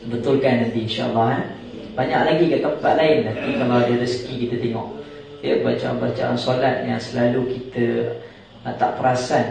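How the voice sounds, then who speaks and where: A man teaching Quran recitation rules, explaining slowly and chanting example verses between jokey asides. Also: mid-range voice, creaky, darkish tone. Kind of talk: tajwid class with recited examples. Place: large echoing prayer hall. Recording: echoey hall, mic some distance off.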